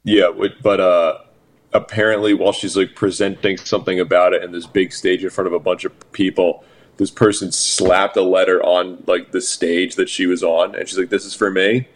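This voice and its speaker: A man co-hosting a podcast, telling stories in a casual, profane, animated way. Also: low voice, normal speed. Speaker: podcast co-host. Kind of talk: casual chat.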